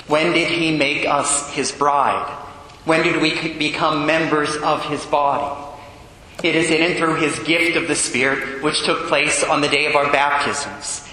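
A man's voice: fairly high pitch, sharp tone. Solemn male priest in cathedral echo. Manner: solemn, measured, deliberate phrasing with rhetorical questions. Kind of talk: liturgical reading and sermon. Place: large echoing church, indoors. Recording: cathedral echo, long reverb, faint background noise.

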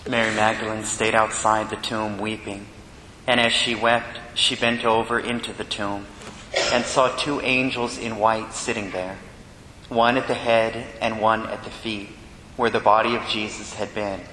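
A priest reads scripture and preaches in a measured, earnest voice. His words ring out in a cathedral echo that hangs in the large church, and a faint low rumble sits underneath. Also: flat delivery, bright, forceful tone. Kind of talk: gospel reading and homily.

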